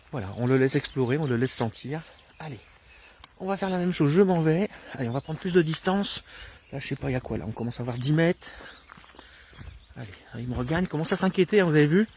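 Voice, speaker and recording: Man, dog-training tutor, mellow fairly high voice, hesitant, handheld outdoor recording with faint noise. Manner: relaxed, hesitant with many fillers, addressing viewers directly. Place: rural path outdoors. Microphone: camera filming alone, held himself.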